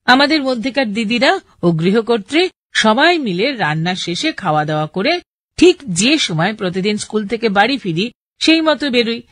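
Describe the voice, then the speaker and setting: A woman presents a radio programme, reading listeners' letters in a steady, clear voice. Her pitch sits in the middle of the usual range. The studio sound is close and completely dry. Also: no room sound.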